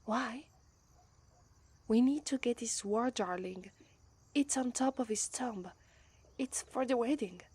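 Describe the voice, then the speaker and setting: Speaking with an Italian accent, this voice actress from Italy plays a shy, loving young demon princess bride for an ASMR roleplay, sounding wistful. Her voice sits on the high side and is husky and heavily acted; she takes it slowly, pausing often, speaking softly, slipping into whispers and faltering and restarting when nervous.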